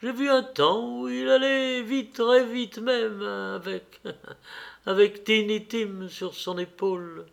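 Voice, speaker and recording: A man reading an audiobook, voicing the worried, gentle mother of a poor family in a soft, tender manner. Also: sits high, fairly even intonation, takes it slowly, vocal fry, pitched above the performer's own voice, full character voice. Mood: bravely cheerful. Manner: soft, tender, steadying herself.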